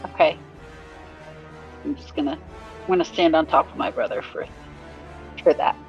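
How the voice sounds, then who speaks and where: A woman's voice: deep voice, huge pitch swings, normal speed, creaky. A woman playing a tabletop game, chatting casually and thinking aloud in a hesitant way. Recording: dull lo-fi audio, faint music.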